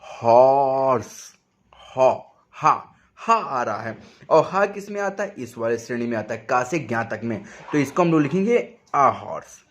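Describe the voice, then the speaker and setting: A man teaching spoken English from his residential home speaks in an expressive, slightly bright mid-range voice. He goes through things step by step, answers the questions he himself raises, and lengthens words slowly to bring out their sounds.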